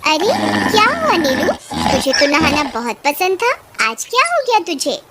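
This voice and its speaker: A woman playing a doting farmer's wife in a kids' cartoon. She fusses in baby talk and wails, her voice high and swinging widely. A clear noisy hiss runs under the recording. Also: wildly swooping pitch, unhurried, exaggerated voice. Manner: fussing, wailing, baby talk to the dog. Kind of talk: Hindi cartoon voice acting.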